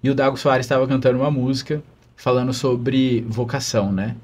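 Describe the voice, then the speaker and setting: A man's voice: mid-range voice, little pitch movement, fairly quick, darkish tone. A man, a religious brother, telling an earnest, emotional story of his calling in a podcast interview.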